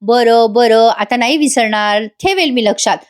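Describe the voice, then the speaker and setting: A woman's voice: fairly high pitch, normal speed, natural voice. A woman voicing a young husband who teases his wife playfully, in a coaxing manner.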